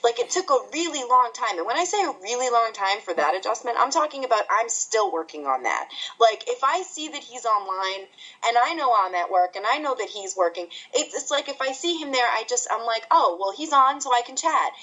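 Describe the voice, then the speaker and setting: A woman's voice: fairly high pitch, expressive, a little fast, bright, forceful tone, low-quality recording. A young woman, a guest novelist, talking candidly and casually on a podcast with a self-mocking streak. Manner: candid, chatty, self-deprecating.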